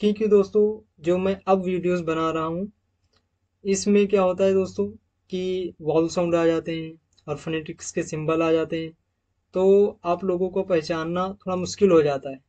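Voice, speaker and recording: Hindi-speaking teacher drilling example words. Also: male voice, sits high, fairly even intonation, darkish tone, muffled recording. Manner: addresses viewers as friends, repeats example words slowly. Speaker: English teacher. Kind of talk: slide-based pronunciation lesson.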